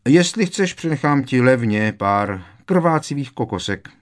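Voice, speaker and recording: A man's voice: mid-range voice, lively intonation, pitched above the performer's own voice, natural voice. A man voicing a cheeky, mischievous teenage prankster in an audiobook, teasing and cocky.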